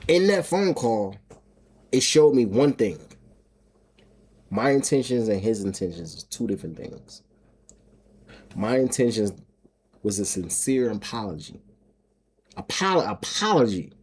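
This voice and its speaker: A man's voice: mid-range voice, sing-song, measured pace, long pauses, a little mellow, breathy edge. A middle-aged man venting in a rambling, profane vlog monologue, stumbling and repeating his words. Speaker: homestead vlogger and single dad.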